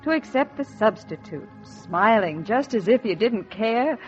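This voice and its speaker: A slightly high female voice with lively intonation and a measured pace carries this 1940s radio performance of a wistful, bitter housewife craving one luxury. The intense, melodramatic delivery, full of longing, leans on repeated phrases across monologue and dialogue, captured in a muffled vintage recording with music.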